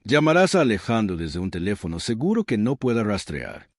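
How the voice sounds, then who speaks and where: A man's voice: on the low side, very animated, a little fast, no echo, clean studio sound. A man voicing a confident male ally who lays out a plan step by step in an instructive manner, within a read-aloud story.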